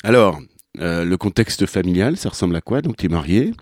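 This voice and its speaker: Deep-voiced male podcast host. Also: animated, brisk, darkish tone, no echo, clean studio sound. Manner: rambling, many fillers and repeated words. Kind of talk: casual interview chat.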